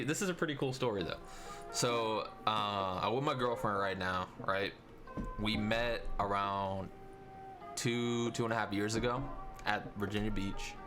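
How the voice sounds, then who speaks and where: Young dude from taiwan, lowish voice, animated slangy storytelling, music behind. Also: male voice. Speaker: podcast co-host. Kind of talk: casual chat.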